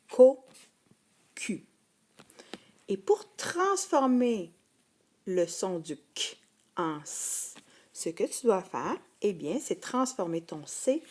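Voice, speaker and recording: A woman's voice: lowish voice, a little mellow. A woman teacher with a Québécois French accent, giving a patient phonics lesson to first graders and repeating each word twice.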